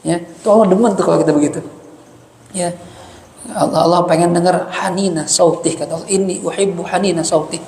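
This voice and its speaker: Male religious teacher, high voice, jokey mosque lecture, echoey hall. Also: fairly even intonation, fairly quick, darkish tone, a little hiss or hum. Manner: joking, chatty, reads Arabic then explains it.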